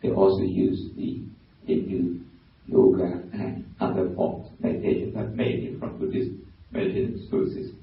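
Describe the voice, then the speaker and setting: Burmese-accented monk in an echoey hall. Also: male voice, sits low, level tone, gravelly. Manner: halting, searching for words with many restarts. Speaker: Buddhist monk teaching. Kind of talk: dharma talk to a lay audience. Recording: very echoey hall, distant mic, dull lo-fi sound.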